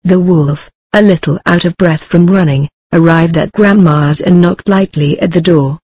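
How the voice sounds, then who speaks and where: Woman softly reading a storybook tale. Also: on the low side, moderate pace, breathy edge. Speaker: narrator. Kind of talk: storybook narration.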